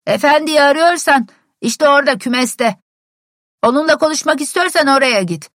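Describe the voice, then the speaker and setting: A woman doing a sour old manservant shouting. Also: on the low side, expressive, unhurried, slightly rough, no room sound, clean studio sound. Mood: surly shouting. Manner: shouting, curt and surly. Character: gruff sour old male servant shouting from a window.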